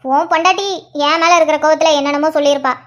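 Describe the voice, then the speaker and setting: A woman doing a sly, shrill scheming aunt. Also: steady tone, lightly acted. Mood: defensive. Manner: sly, self-pitying, quick. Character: scheming middle-aged aunt, defensive and sly. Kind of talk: cartoon voice acting.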